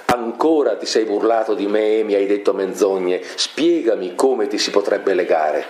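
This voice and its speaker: A man voicing a reproachful, insistent woman from an ancient tale, in his own low reading voice, in an echoey room with faint noise. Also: normal speed, darkish tone, close to an everyday voice. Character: pleading, reproachful woman of old.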